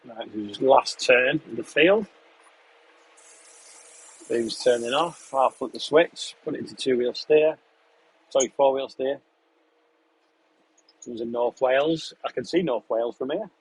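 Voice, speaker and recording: Young man, husky, mid pitch; easygoing live-stream chat from a tractor cab, answering viewer questions. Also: measured pace, long pauses, low-quality recording. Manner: relaxed, chatty, answers questions between running commentary on the job. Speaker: farm contractor live-streaming while spraying a field. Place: inside a tractor sprayer cab, in a field.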